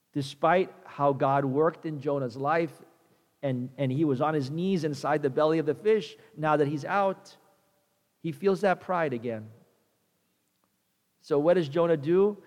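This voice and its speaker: A man's voice: on the high side, long reverb tail. A male pastor preaching a conversational sermon, repeating himself and acting out the characters.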